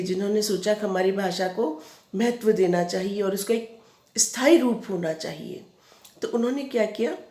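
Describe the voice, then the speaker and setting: A woman teacher with a Rajasthani Hindi accent explains grammar patiently to young children, often pausing to check they follow. Her voice has a middling pitch and carries an echo from the room around her. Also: warm tone. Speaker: school teacher. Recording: echoey room.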